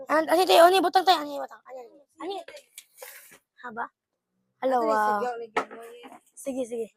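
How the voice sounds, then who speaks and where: A woman's voice: sits high, normal speed. A young woman vlogging casually as she unboxes, exclaiming often and mixing English with her own language. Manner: excitable, exclaiming, mixes English with local talk.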